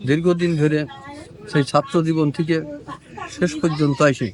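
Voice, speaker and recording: A middle-aged man giving an unscripted condolence statement in short, halting phrases. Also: fairly high pitch, fairly even intonation. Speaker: political associate of the victims. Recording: crowd noise around the speaker.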